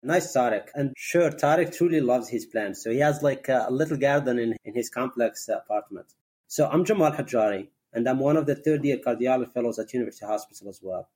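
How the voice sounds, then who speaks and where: A man in his thirties from Morocco, a cardiology fellow, introducing himself in a relaxed way with small hesitations. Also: mid-range voice, brisk. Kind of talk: conversational self-introduction.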